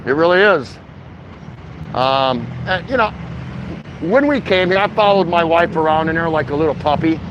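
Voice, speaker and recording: A middle-aged male vlogger with a voice on the high side walks through a city shopping district on a livestream, rambling casually and slangily to his viewers. He's expressive at a moderate pace, with long pauses. The audio is dull, with outdoor city noise and passing traffic.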